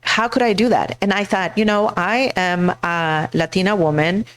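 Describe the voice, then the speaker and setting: A middle-aged woman from Mexico, a school board candidate speaking earnestly into a handheld mic, pausing often with fillers and restarts. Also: medium pitch, fairly bright tone, smooth. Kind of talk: personal speech to a live audience.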